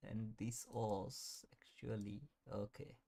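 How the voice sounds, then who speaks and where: A man's voice: lowish voice, fairly even intonation, slow, vocal fry, dark tone, breathy edge. A man in his thirties hosting a live trading stream, chatting casually, answering viewers and laughing often. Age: 30s. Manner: mutters at the chart while watching. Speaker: trading livestream host.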